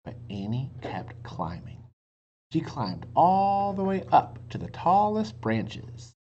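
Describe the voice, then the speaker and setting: A woman with a very low voice reads a storybook for children at a slow pace. Her delivery is instructive and expressive, and the recording sounds a little muffled. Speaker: read-aloud teacher for children. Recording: muffled sound with faint noise.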